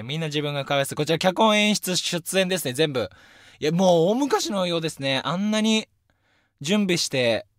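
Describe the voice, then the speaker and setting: A young man hosting a casual solo radio talk show, telling stories in an animated way and poking fun at himself. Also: medium pitch, dry recording, studio quality. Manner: lively, animated storytelling with self-deprecating asides. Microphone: studio microphone.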